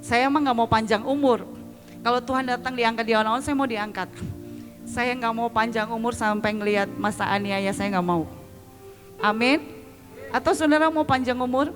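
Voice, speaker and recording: A high-pitched woman evangelist delivers a lively sermon before a congregation. Her voice rings through a reverberant church hall while soft music plays faintly underneath. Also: normal speed. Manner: lively, addresses congregation as "saudara", asks for amens. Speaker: evangelist preacher.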